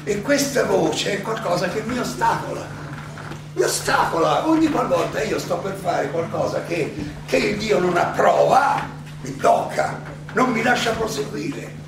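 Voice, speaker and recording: A man playing Socrates, an aging Athenian philosopher defending himself in a theatrical monologue, halting and rhetorical, in an echoey, noisy recording made from a distance. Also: high-pitched, lively intonation, vocal fry, over music, exaggerated voice. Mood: earnest, reflective. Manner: halting, rhetorical, addressing judges with pauses and repetitions.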